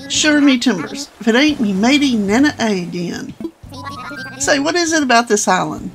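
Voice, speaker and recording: A woman's voice: fairly high pitch, expressive, moderate pace, faint music behind. A woman reading game dialogue aloud, voicing a boastful male pirate seagull in salty sailor talk. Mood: grumbling.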